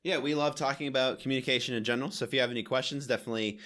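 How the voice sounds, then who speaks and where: A man's voice: mid-range voice, fairly even intonation, very fast, bright, forceful tone. A man co-hosting a podcast in casual chat, earnest and rambling, often correcting himself mid-sentence. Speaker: podcast co-host.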